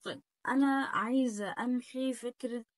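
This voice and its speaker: Egyptian woman drilling pronunciation, slightly high. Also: steady tone, no room sound. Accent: Egyptian Arabic. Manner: drills words slowly, repeating them again and again; chatty, asks "okay?" after each point. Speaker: German teacher. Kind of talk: casual spoken lesson.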